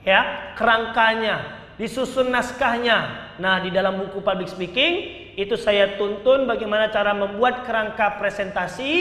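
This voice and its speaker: A man, teaching public speaking at a seminar. He quizzes the audience and acts out examples in a lively way. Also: sits high. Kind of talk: seminar talk to a live audience. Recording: echoey hall with long reverb.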